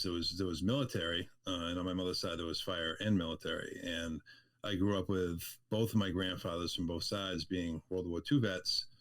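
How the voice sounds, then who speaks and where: A man's voice: low-pitched, fairly bright tone. A man with a strong Boston accent telling personal stories in a casual interview as a firefighter guest, plain-spoken and salty. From Massachusetts, United States.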